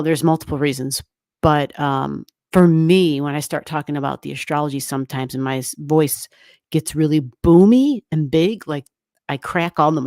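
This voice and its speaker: Her voice is low and a little mellow, captured dry at studio quality. She's hosting an astrology stream at home in a room with no soundproofing, talking informally with her audience, drifting between topics, and often laughing into a desk mic turned down halfway.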